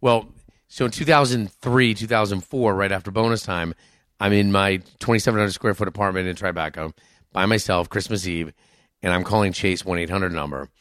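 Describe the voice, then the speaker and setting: A man's voice: sits low, brisk, fairly bright tone, no room sound, studio quality. A middle-aged man, a podcast guest and author, telling frank, self-mocking stories in casual conversation, swearing now and then. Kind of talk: candid conversational storytelling.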